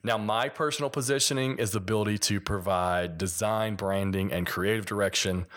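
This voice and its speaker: Talking briskly in a deep voice tinged with a mild Kentucky Appalachian accent, a sports designer hosts his podcast solo. He lays out explanations in a conversational style, illustrating them with examples.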